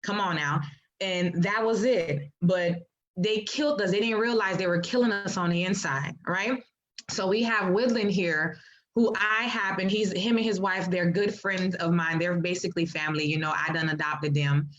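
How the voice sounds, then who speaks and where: A woman hosting a live-stream interview, talking in a lively, informal, chatty way. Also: on the low side, normal speed. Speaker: host. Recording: dull lo-fi stream audio.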